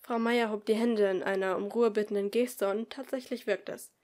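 A woman's voice: medium pitch, moderate pace. Woman narrating an amateur audiobook. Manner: expressive, drops to a whisper for inner thoughts. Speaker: audiobook reader. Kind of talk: amateur first-person story narration.

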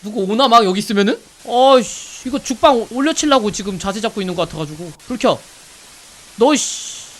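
A woman giving jokey let's play commentary on a horror game, jumpy and quick to shout when startled. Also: on the high side, expressive, slight background noise. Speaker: game streamer.

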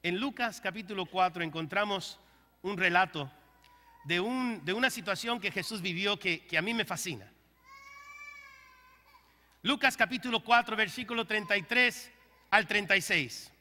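A male pastor preaching a sermon to his congregation, leading call-and-response and breaking into loud bursts. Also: sits high, normal speed, pauses often, long reverb tail.

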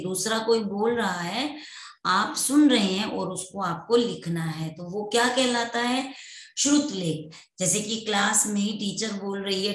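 Woman, primary school teacher, unhurried, patient repetition, mid pitch, roomy echo. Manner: slow and patient, repeating words for children to echo. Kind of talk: online class lesson for young children.

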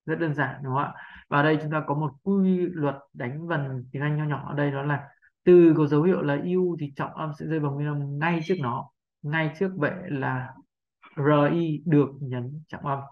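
A man's voice: on the high side, steady tone, a little fast. A man teaching pronunciation, explaining step by step in a patient way and checking in with his listeners. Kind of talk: explaining lesson. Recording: dull lo-fi sound.

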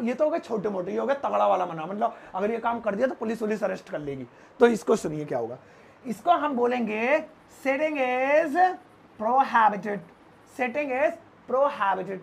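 High husky-voiced guy teaching english phrases, jokey chatty asides. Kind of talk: Hindi-language English lesson.

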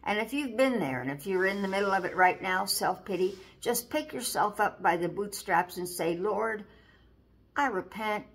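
A woman's voice: mid-range voice, expressive, normal speed, hardly any pauses. A woman giving an informal sermon, earnest and repeating key lines, reading scripture aloud. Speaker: Bible teacher.

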